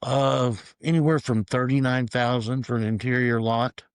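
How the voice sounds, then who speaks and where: A middle-aged man, a real estate agent, telling stories in a relaxed interview with dry humor. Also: mid-range voice, normal speed, clean tone, no room sound. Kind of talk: casual interview storytelling.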